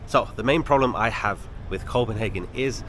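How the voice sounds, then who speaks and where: This is casual travel vlog narration from a man strolling an outdoor city street and talking to camera. He has a fairly low, slightly bright voice, with a little background noise. People frequently mistake his British accent for an American one.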